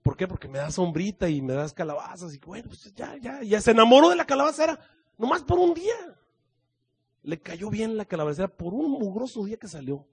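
A Mexican-accented man preaching a sermon in a high, husky voice. He tells the story in an animated, colloquial way, with plenty of slangy asides to his listeners. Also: brisk.

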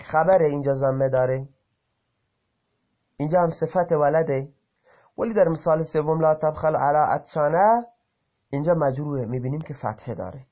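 A man with a slightly high voice teaches an Arabic grammar lesson, reading out example sentences and then explaining them. He sometimes stops mid-word and corrects himself. The recording is dull and lo-fi.

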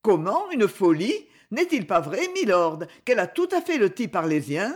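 Eager friendly young guy, read by an audiobook narrator, lively tone. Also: medium pitch, moderate pace. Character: warm-hearted young brother.

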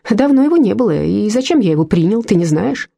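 A woman's voice: mid-range voice, sing-song, fast talker, gravelly, mellow, slightly rough, pitched above the performer's own voice, full character voice. A woman voicing a weary, patient young husband in an audiobook, soothing and lightly ironic. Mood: tired, soothing. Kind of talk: audiobook character voice.

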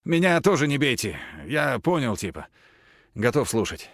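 A man voicing a crude, aggressive young thug who talks rough and sarcastic. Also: mid-range voice, sing-song, normal speed, dry recording, studio quality, pitched above the performer's own voice. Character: aggressive, foul-mouthed young male thug.

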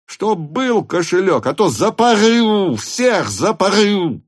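A man reading an audiobook, voicing a hot-tempered male hussar officer who shouts in fury. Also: medium pitch, very animated, very slow, full character voice. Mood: furious shouting. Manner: shouting, furious. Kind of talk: audiobook character voice.

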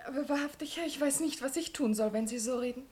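A woman playing a shy, quick-talking peasant girl. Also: sits high, a crowd in the background, close to an everyday voice. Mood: wary. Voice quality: modest, deferential, quick replies. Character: young female peasant girl, shy and wary. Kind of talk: broadcast radio play acting.

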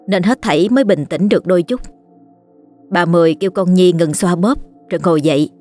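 A woman with a Southern Vietnamese accent narrating a ghost story in a steady, plain way. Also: lowish voice.

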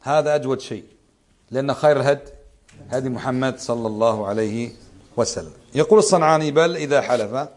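Fast-talking man teaching a religious lesson. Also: mid-range voice. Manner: conversational, quizzes listeners with rhetorical questions. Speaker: Islamic scholar teaching a book.

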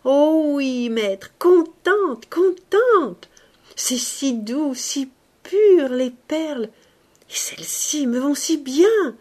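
A woman reading aloud, voicing a joyful, emotional young woman with a high, gushing voice. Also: unhurried, warm tone. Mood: delighted.

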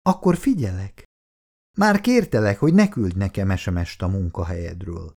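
Man doing a young woman in a storybook, high lilting voice, teasing and pouty, lively swings. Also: heavily acted. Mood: affectionate. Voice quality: raised, lilting pitch. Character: young woman, affectionate, easily piqued partner.

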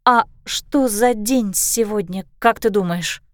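A woman reading a storybook, voicing an earnest, careful young heroine in a steady voice. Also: medium pitch, takes it slowly, no echo, natural voice.

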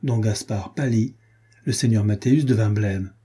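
A man narrating an adventure novel in a steady storytelling delivery. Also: on the low side, normal speed, slightly rough. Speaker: audiobook narrator. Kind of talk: audiobook narration.

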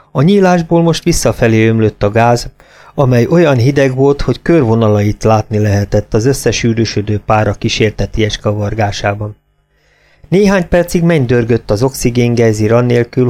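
A man reading an audiobook in a steady, measured narration. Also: medium pitch.

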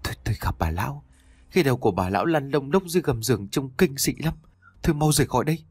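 A frightened old man stammers out hurried words, his voice pushed up above the narrator's own, as a male narrator puts him on. It is an audio horror story, with a dry, close sound. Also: on the high side, lively intonation, slightly rough, dry recording, voice pushed up. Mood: terrified.

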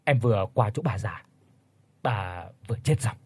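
A man playing a callous younger brother who speaks flatly and without feeling. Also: fairly low pitch, measured pace, slightly rough, pitched below the performer's own voice, heavily acted. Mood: cold. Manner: flat, unfeeling.

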